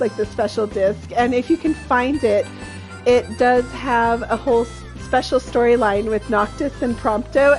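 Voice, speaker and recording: A woman's voice: on the high side, a little mellow, rough recording. A woman streaming a video game, chatting with her audience and laughing often in delight. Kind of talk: live game commentary.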